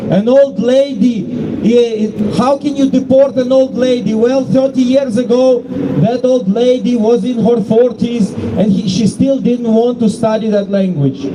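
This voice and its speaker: A man speaking at an outdoor street rally as its organizer, impassioned and rapid, with halting restarts. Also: very high-pitched, fairly even intonation, noisy background. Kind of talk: public protest speech.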